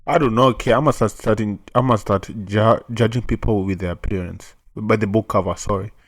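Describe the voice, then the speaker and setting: A man with a somewhat low voice reacts casually to a clip. He talks in a laid-back, chatty way and laughs often. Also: fairly even intonation, a little fast.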